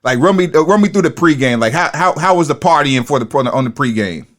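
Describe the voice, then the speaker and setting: A man's voice: a little high, lively intonation, quick pace, fairly bright tone. A man co-hosting a podcast, asking rambling questions and laughing along in casual chat. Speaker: podcast co-host.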